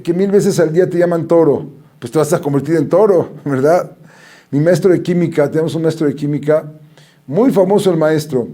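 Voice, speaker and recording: A man delivers a rabbi's Torah lecture. His voice sits somewhat high but sounds warm and mellow. He tells his stories with animation and slips into the voices of the people he quotes.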